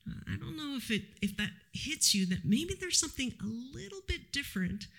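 A man preaching a sermon, reflective and measured, teaching with pauses. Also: very high voice, sing-song, vocal fry, pushed and bright.

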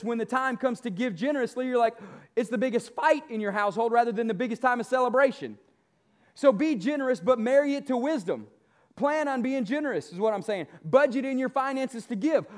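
A man preaching a church sermon as a pastor, in an emphatic, motivational, exhorting way with repeated key phrases. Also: extremely high pitch. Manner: exhorting, motivational, seeking amens from listeners.

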